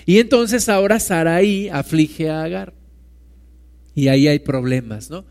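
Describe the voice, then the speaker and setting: Guy preaching a sermon, chatty, keeps asking right?, clear smooth voice, bit high. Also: measured pace, darkish tone. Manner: conversational, asks "right?" often. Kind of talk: sermon with Bible reading.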